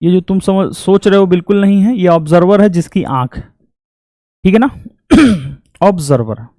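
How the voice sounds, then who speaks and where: A man's voice: sits high, normal speed, dark tone, no room sound. A man teaching a physics lecture in a homely, folksy way, asking each point back as a question and answering it himself. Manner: homely, folksy explanations with sound effects. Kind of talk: classroom lecture.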